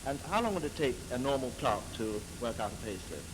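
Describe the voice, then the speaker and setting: A man's voice: mid-range voice, very animated. British man interviewing on an old newsreel. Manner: polite, measured questioning. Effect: old newsreel sound. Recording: hissy 1950s newsreel soundtrack.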